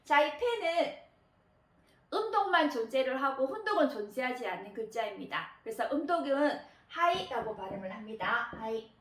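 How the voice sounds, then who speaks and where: A woman teaching Japanese kanji readings, patient, often pausing with fillers and repeating key words slowly. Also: high-pitched, big pitch swings, fairly bright tone. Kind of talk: explanatory lesson narration. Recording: roomy echo.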